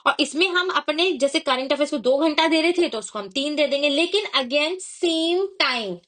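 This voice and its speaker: A woman's voice: high-pitched, a little fast, a bit bright. A young woman coaching exam students through a daily study plan, repeating her key points and checking in with the viewer as she explains.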